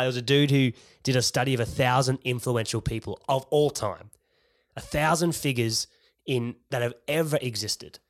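A man's voice: mid-range voice, dry recording, clean studio sound. Emphatic man talking faith on a podcast. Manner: emphatic, animated bursts. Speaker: podcast co-host.

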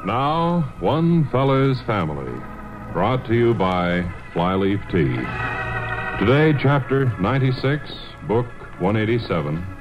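A man's voice: medium pitch, very animated, takes it slowly. A male comedian playing a pompous, mock-solemn soap-opera announcer in an old radio parody. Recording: dull old radio, loud music and crowd.

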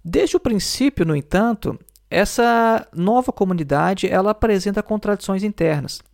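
A man's voice: high voice, expressive, normal speed, creaky, darkish tone. A man explaining philosophy in a lecture, thinking aloud with many fillers and tag questions. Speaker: teacher.

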